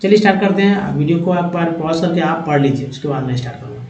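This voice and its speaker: A man teaching a lesson on reading English, sounding out words slowly and spelling letters aloud. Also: on the high side, a little mellow. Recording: roomy, dull lo-fi sound.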